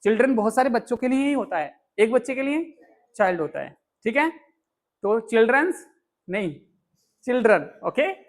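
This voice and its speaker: A man teaching English grammar to a live class, explaining slowly, repeating words and joking with and scolding his students. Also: very high voice, expressive. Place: indoor classroom.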